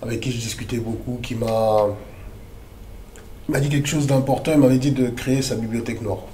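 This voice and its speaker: Dark-voiced man, casual and emphatic. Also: mid-range voice, fairly even intonation, fairly quick, reverberant, a little hiss or hum. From Democratic Republic of the Congo. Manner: emphatic, streetwise, slangy. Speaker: interview guest, activist. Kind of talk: casual conversational interview.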